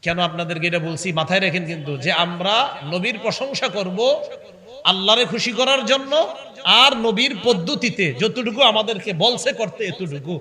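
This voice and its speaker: A young man preaching an Islamic waz sermon, switching between animated explanation and slow chanted Quran recitation. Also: high voice. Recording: long hall reverb.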